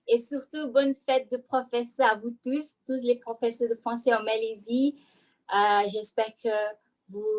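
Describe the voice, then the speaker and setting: A woman French teacher giving a hesitant online presentation over a video call, with many fillers and restarts. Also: fairly high pitch.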